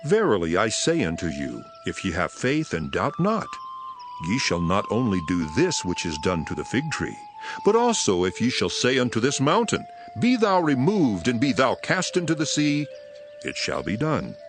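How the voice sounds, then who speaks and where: An actor playing Jesus as an authoritative teacher in a dramatized scripture reading, solemn and emphatic. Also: male voice, medium pitch, huge pitch swings, normal speed. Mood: commanding. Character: Jesus, authoritative male teacher telling parables. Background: background music.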